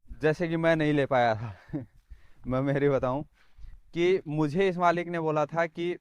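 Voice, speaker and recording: A man's voice: fairly high pitch, fairly even intonation, measured pace, clear, resonant tone, no echo. A young man from Rajasthan, talking earnestly in a casual vlog and often calling the viewer "brother". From Rajasthan, India. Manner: earnest, repeats phrases, says "bhai" often. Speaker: vlogger.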